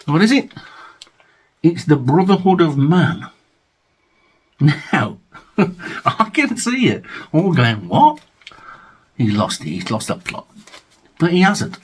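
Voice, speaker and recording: Chatty husky-voiced Englishman. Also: fairly high pitch, big pitch swings, slow pace, long pauses. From England. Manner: chatty, jokey asides, reads liner notes aloud. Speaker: vinyl collection video host. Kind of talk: casual chat about records.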